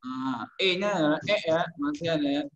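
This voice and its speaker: A man's voice: a little high, big pitch swings, measured pace, creaky, fairly bright tone, echoey room, dull audio. A male music teacher from Indonesia teaching a class online, calling on students by name and explaining each term. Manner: calls on students by name, repeats their answers and explains.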